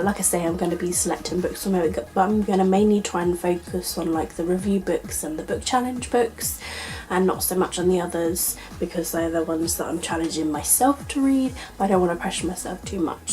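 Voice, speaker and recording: A woman with a gravelly, husky voice, hoarse from illness, chatting casually and upbeat to her viewers as a vlogger. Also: on the low side, a little mellow, rough recording. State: hoarse from being ill. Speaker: book vlogger hosting own channel.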